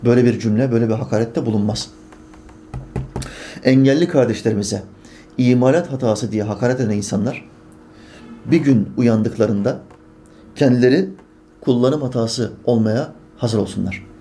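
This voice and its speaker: A man's voice: mid-range voice, moderate pace, pauses often, warm tone. A man preaching a sermon, emphatic and full of rhetorical questions to his congregation.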